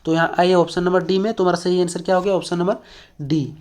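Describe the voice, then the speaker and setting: High-pitched and darkish in tone, this man's delivery is flat and quick. He is from Jharkhand, India, teaching a language lesson for exam prep, going step by step, filling gaps with fillers and asking the class the same questions again and again.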